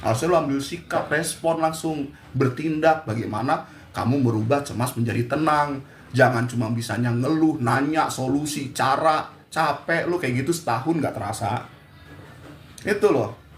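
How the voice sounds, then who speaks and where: A man's voice: medium pitch, normal speed, reverberant, a little hiss or hum. A man giving a blunt, scolding motivational talk to his viewers. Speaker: anxiety motivational speaker.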